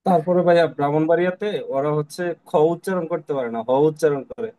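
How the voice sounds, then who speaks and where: A man's voice: fairly high pitch, quick pace, dark tone, dry recording. A man in the class who politely asks the teacher short questions about pronunciation. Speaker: student in the class.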